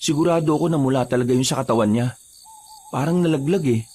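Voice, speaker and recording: A man playing a steady, protective village father who talks in a plain, reassuring way. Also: medium pitch, fast, slightly rough, natural voice.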